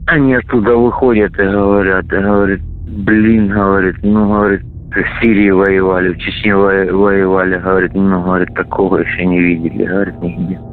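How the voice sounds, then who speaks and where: A man's voice: low-pitched, flat delivery, fast. A man, a soldier, casually recounting things on a call heard over a radio intercept. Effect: heard over a radio or intercepted phone line. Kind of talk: casual storytelling on a phone call. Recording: tinny phone-like intercept, music laid over.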